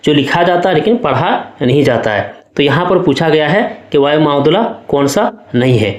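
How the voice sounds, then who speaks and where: Guy teaching an exam prep class, kinda high voice, keeps checking in with students, echoey room. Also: expressive, moderate pace. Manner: explains step by step, checking in with the class often.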